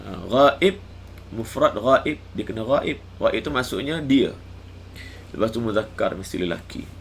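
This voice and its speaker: A middle-aged man teaching recitation live, explaining patiently and chanting drawn-out examples. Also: mid-range voice, lively intonation, slight background noise.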